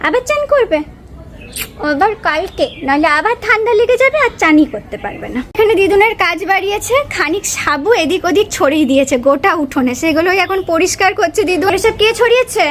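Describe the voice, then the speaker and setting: A woman's voice: very high voice, animated, fast talker, fairly bright tone, a little hiss or hum. A woman from West Bengal vlogging about her toddler in a home courtyard, chatting fondly and slipping into baby talk, on a lapel mic. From West Bengal, India. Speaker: vlogger, mother. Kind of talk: casual vlog narration. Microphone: wireless lapel mic.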